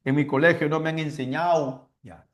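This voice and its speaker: A man's voice: a little high, fairly even intonation, normal speed, reverberant. A man teaching literature in an online class, stretching out words as he dictates verses and playfully imitating confused students.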